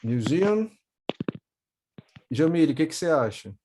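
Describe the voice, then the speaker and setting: A young man with a Brazilian accent teaching English to children in a video call, patiently repeating words slowly. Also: fairly high pitch, very animated, mellow, slight background noise. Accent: Brazilian Portuguese. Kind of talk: online class for children.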